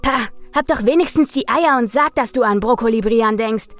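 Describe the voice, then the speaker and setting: Andi, a woman doing a loud mocking bully. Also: a little high, a little fast, dry recording, soft background music, lightly acted. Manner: bellowing, mocking. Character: boorish loud hulking young man, bully.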